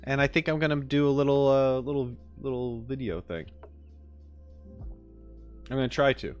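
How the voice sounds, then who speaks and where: A livestream host who streams game reactions chats informally with viewers, rambling along and joking at his own expense. His mid-range voice is clear and resonant, at a moderate pace. He's at a home streaming setup with a green screen, and music plays in the background.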